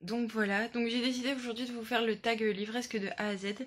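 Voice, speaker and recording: A woman's voice: on the high side, steady tone, fast. A young woman in her late teens with a French accent, chatting casually and enthusiastically about her favourite books, with many fillers, filmed on a phone in selfie mode. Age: young adult. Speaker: book vlogger. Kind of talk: casual chat.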